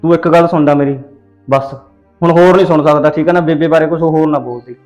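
A man's voice: on the high side, fairly even intonation, fast talker, darkish tone, reverberant, faint music behind, natural voice. A man playing an exasperated young husband. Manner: exasperated, defensive. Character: torn young husband defending his mother. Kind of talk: village family drama acting.

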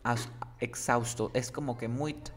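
A man teaching an English lesson, coaxing a student and drilling words slowly with exaggerated English sounds. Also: medium pitch, fairly even intonation, noisy background.

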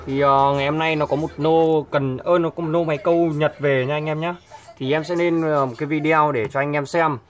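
A man's voice: on the high side, fairly even intonation, a little fast. A man, a fishing tackle shop owner showing products in a chatty way, often hesitating and repeating himself. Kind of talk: casual product showcase. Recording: noisy background.

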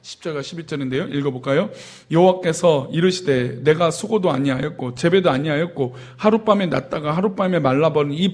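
High-voiced male pastor preaching animatedly. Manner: animated preaching, acting out indignant quotes and reading scripture aloud. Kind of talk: sermon.

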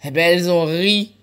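A woman reads a children's picture book aloud, her voice swooping high and low as she acts out giggles and sobs. She takes her time, leaving room for each line to land. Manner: animated, acts out laughs and cries. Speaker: library storyteller.

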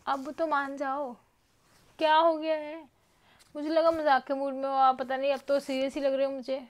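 A woman's voice: sits high, level tone, normal speed. A woman pleading with and scolding her husband in a casual home vlog, coaxing him to talk. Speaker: wife being pranked.

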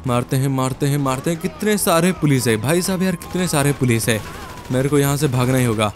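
A young man giving excited gameplay commentary, talking to his viewers in casual slang and repeating words in quick, frantic bursts. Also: mid-range voice, faint music behind. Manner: speaks as the game character in first person; casual slangy Hinglish, addresses viewers as guys. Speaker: gaming YouTuber. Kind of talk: excited Let's Play commentary.

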